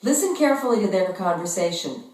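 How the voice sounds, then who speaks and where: Instructions for a language-course listening exercise are narrated by a woman in a measured, teaching style, heard from far away in an echoey room. Her voice is lowish and darkish in tone yet very animated.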